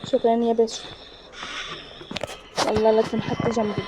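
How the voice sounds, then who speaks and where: Excitable Egyptian woman gaming. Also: on the high side, normal speed, heavy background noise. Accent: Egyptian Arabic. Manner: excitable, talks to the game and to viewers. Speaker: gaming YouTuber. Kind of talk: horror game commentary. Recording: music playing behind the voice.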